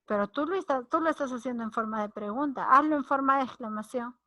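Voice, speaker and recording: A woman's voice: sits high, fast, bright, forceful tone, no echo. A woman teacher, explaining grammar and acting out short example lines. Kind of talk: online grammar lesson.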